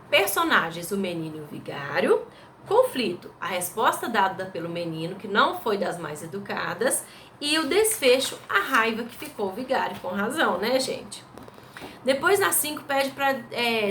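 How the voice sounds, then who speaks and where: A woman's voice: a little high, a bit bright, a little hiss or hum. A woman teacher with a Brazilian Portuguese accent patiently goes over school exercise answers step by step, often checking in with her pupils. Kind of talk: recorded remote class going over exercise answers.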